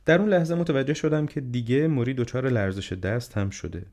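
A man narrating an audiobook in a measured, quiet storytelling manner. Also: medium pitch.

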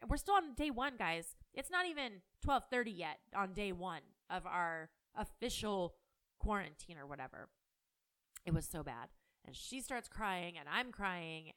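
Brief: middle-aged mom, candid home vlog storytelling, smooth clear voice, frank and emotional. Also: female voice, medium pitch. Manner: frank, animated and emotional, swears freely. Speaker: mother and business owner.

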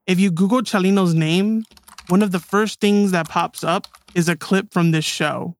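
A man's voice: sits high, steady tone, normal speed, background noise. A man hosting a podcast, telling a true story in scripted documentary narration. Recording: music bed behind the voice.

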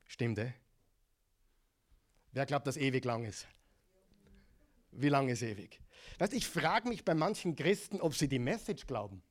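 A middle-aged man preaching a sermon, swinging between loud dramatic passages and quiet intimate ones, asking his listeners direct questions. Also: medium pitch. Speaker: pastor.

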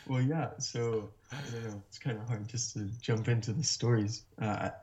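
A man guest telling a personal story in a casual, animated way, often laughing between sentences. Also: medium pitch, normal speed. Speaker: interview guest. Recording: muffled lo-fi sound.

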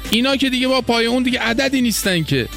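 A man's voice: extremely high pitch, lively intonation, vocal fry, fairly bright tone, faint music behind. A man hosting a show with mocking satirical commentary in a colloquial, sarcastic manner. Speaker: host.

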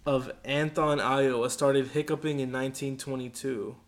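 A man's voice: mid-range voice, fairly even intonation, moderate pace. A man co-hosting a casual chat, joking around and swearing often. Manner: joking, profane banter. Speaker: podcast co-host.

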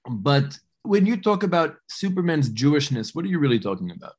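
A man's voice: on the high side, expressive, fairly quick, husky. A man hosting a podcast interview, asking questions in a conversational way with hesitant restarts.

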